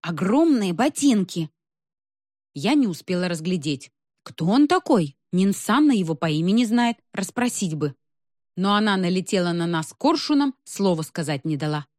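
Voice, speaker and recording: A woman reading a story aloud in scripted narration, with a wry, expressive delivery. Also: on the low side, normal speed, no echo, studio quality. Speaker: audiobook reader.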